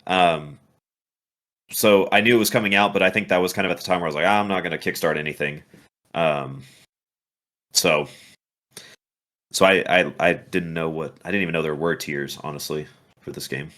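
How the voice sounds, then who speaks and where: A man's voice: sits low, moderate pace, long pauses, a bit bright. A man in a casual chat who rambles and restarts his sentences. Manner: rambling, full of fillers and restarts.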